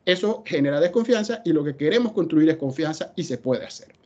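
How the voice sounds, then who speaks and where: A man's voice: a little high, lively intonation, a little fast, a little mellow. A man speaks emphatically in a webinar presentation. He poses questions and answers them himself. The audio is dull and lo-fi. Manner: emphatic, asks and answers his own questions. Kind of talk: presentation talk.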